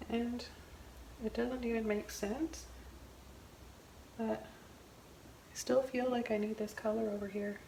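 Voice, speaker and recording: A woman giving a casual step-by-step painting tutorial as a gentle, easygoing instructor. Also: fairly high pitch, little pitch movement, slow, creaky, pauses often. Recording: roomy echo, faint background noise.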